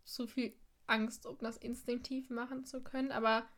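High voiced young woman cohost, hesitant, trails off a lot, casual chat. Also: flat delivery, normal speed, fairly bright tone. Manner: hesitant, trails off with "keine Ahnung". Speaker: podcast co-host. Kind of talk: casual chat recapping an episode.

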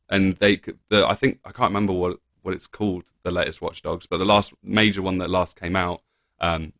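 A young British man in casual chat, relaxed and rambling with lots of fillers and restarts. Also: sits low, dry recording, studio quality.

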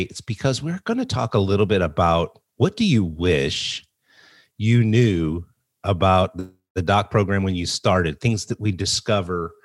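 A man's voice: low voice, dry recording, clean studio sound. A man hosting an academic podcast, reading the introduction and leading the interview. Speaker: podcast host.

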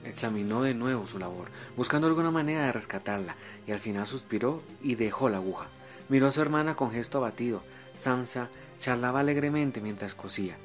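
A man reading a novel aloud as an audiobook, giving the characters' lines a lively, raised voice. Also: mid-range voice, a little fast, faint music behind. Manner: reads expressively, voicing characters' lines with raised voice. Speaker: reader.

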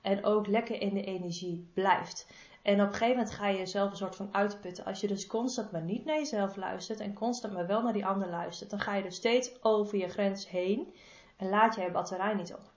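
A woman's voice: medium pitch, fairly even intonation, brisk, a little mellow. A woman therapist giving casual, informal advice, often repeating her main points and addressing the listener affectionately. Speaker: body-energy therapist. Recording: roomy, slightly dull sound.

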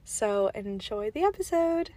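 The recording is very noisy: a young woman, her voice a little high with big pitch swings, hosts her podcast from a parked car at a measured pace. A cold leaves her stuffy and nasal as she rambles through a casual story, saying "like" often and laughing between asides.

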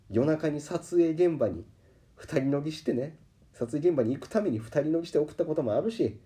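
A man with a Kansai accent hosting a podcast, telling a story in a casual, animated way and acting out the people he quotes. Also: fairly high pitch. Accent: Kansai Japanese. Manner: animated, acts out quoted voices. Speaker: podcast host. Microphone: podcast microphone.

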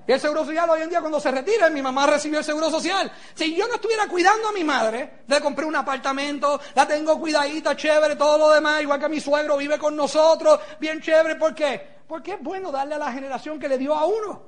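A man speaking to a live audience in an animated motivational style. His voice sits very high, and he keeps checking in with a rhetorical "eh?". He acts out quoted voices as he goes.

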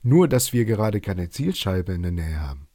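A man's voice: sits low, big pitch swings, normal speed, mellow, dry recording, studio quality. A man voicing a mocking, tipsy forester who taunts and jeers in a storybook reading. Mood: jeering. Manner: taunting and jeering.

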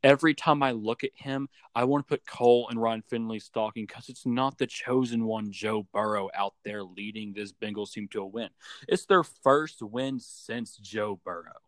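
This young man, co-hosting a sports podcast, jokes his way through opinions with mock seriousness during a casual remote call on his phone. He speaks at a normal pace in a fairly low voice, and the sound is dry with no echo.

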